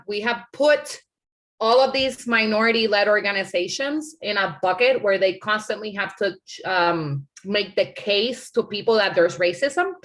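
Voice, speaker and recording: A woman from Puerto Rico answers questions as a panel speaker, earnest and conversational, frequently tossing in "like" and "right?". Her voice is medium-pitched with a fairly bright tone.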